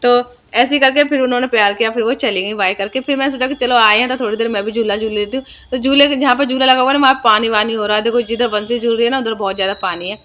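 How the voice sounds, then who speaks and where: A woman's voice: a little high, steady tone, quick pace, few pauses, fairly bright tone. A young woman vlogger, narrating her day in a chatty, homely way with lots of fillers. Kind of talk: casual vlog voice-over narration.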